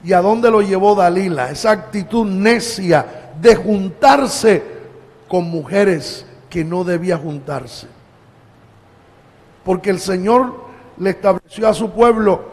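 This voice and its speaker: A pastor from Colombia preaching a sermon, with emphatic rises and drawn-out phrase endings. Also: male voice, high-pitched, darkish tone. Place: church. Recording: long church hall reverb.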